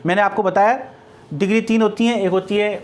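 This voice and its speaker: A man's voice: high voice, steady tone, brisk. A middle-aged man with an Indian accent teaching English grammar, explaining step by step and answering his own questions. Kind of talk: classroom grammar lecture.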